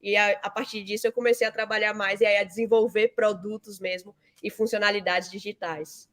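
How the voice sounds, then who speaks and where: Her voice mid-range and fairly bright, the fintech founder and CEO from Salvador, Bahia, Brazil speaks briskly in a level tone. As an interview guest, she explains her answers conversationally and peppers them with "né."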